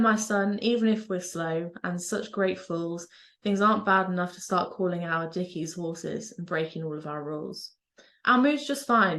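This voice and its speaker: A woman's voice: fairly low pitch, gravelly. Woman lecturer reading in standard English. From Norfolk, East Anglia, England. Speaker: university lecturer.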